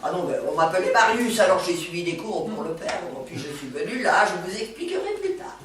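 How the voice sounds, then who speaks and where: Her voice is fairly low with big pitch swings as she plays a former actress, an exuberant older woman, in a stage comedy. The delivery is lively, chatty, theatrical and quick-witted, with a crowd in the background and roomy stage sound picked up from far off.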